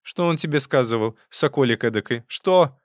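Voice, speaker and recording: A man reading an audiobook voices a fierce old woman loudly scolding her niece in a folksy way, pitching above his own voice but staying close to an everyday sound. The delivery is animated and scolding at normal speed, in clean studio sound without echo.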